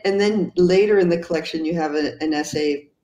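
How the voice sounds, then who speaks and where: A woman interviewing an author, framing her questions haltingly with repeated words. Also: lowish voice, mellow, lo-fi sound. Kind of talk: conversational interview. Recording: roomy echo.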